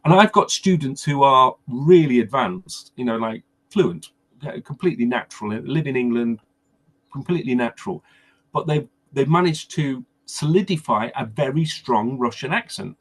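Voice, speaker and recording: A man's voice: medium pitch, animated, normal speed, slightly rough. A man working as a pronunciation coach, explaining things conversationally in a workshop and often restarting and repeating words as he thinks.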